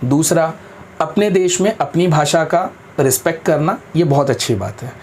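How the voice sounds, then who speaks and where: A man's voice: on the high side, lively intonation, moderate pace, darkish tone, slight background noise. A man talking in an interview, explaining in a firm, practical way, mixing in English phrases and respectfully calling the interviewer sir. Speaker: guest speaker on careers.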